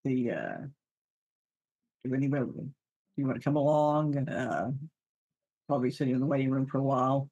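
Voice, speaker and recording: A man at a tabletop game who speaks haltingly, with many fillers and restarts. His voice is husky and mid-pitched. It sounds dry and close to the mic. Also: animated, darkish tone, dry recording, dull audio. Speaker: player. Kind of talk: casual tabletop game talk, partly in character.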